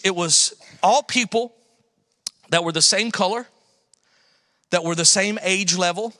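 A man preaching a sermon as a guest pastor, telling stories with folksy phrasing and swinging from loud exhortation to hushed asides. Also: sits high, dry recording, studio quality.

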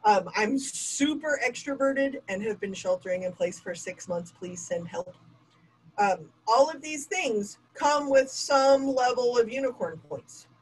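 A diversity trainer in her forties leads a webinar lecture over a webcam video call from a home room with a bookshelf and bokeh lights, speaking candidly with self-mocking asides. Her voice is on the high side and slightly rough, with lively intonation and a measured pace, in a rough recording.

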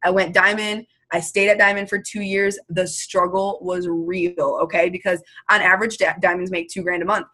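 A woman's voice: on the low side, little pitch movement, moderate pace, hardly any pauses, bright, forceful tone. A young woman talking casually as a guest, emphatic and motivational, swearing now and then. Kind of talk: casual chat.

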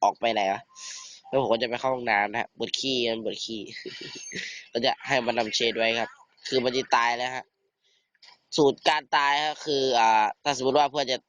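A teenage gamer gives casual, excitable commentary over a survival game, swearing and bantering with a friend. His voice is medium-pitched at a moderate pace.

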